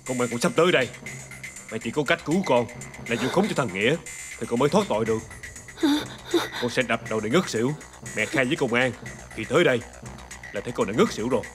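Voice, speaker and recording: An actor playing a cold, scheming elder son. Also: male voice, medium pitch, close to an everyday voice. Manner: cold, controlling. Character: scheming elder son who killed a man. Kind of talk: TV drama acting. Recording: TV drama with music underscore.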